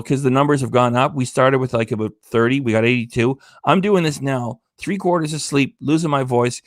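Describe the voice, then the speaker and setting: A reaction channel host with a mid-range voice rants on a livestream, sarcastic, indignant and swearing often. He sounds tired and is losing his voice, and there's no room sound.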